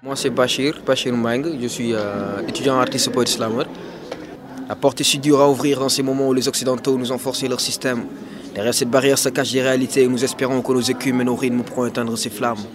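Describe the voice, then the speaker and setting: A man, a student and slam poet, reciting a poem in a steady, solemn way. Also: mid-range voice, brisk, over music. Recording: outdoor crowd chatter behind.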